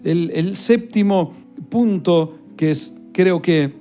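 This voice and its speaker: A man's voice: sits high, slow, warm tone, soft background music. A male pastor preaching a sermon in a conversational way, asking the congregation to repeat words after him.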